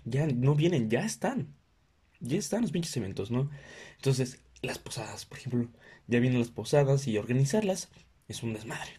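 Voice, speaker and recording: A man's voice: medium pitch, husky. A young Mexican man hosting his podcast, ranting with lots of swearing and doing exaggerated voices of other people. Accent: Mexican Spanish. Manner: profane, ranting, animated impressions of others. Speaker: podcast host. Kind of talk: casual comedic monologue.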